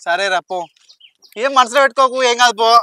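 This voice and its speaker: Quick, high-voiced consoling village friend. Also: male voice, bright, forceful tone, dry recording.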